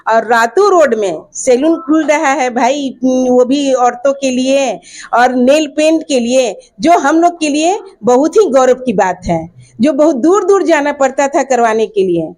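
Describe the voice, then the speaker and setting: A middle-aged woman with a fairly high voice speaks as a guest at an event. She talks in a chatty, homely, colloquial way, answering a reporter casually. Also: expressive, measured pace, a little mellow. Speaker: invited guest. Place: at a beauty studio opening event.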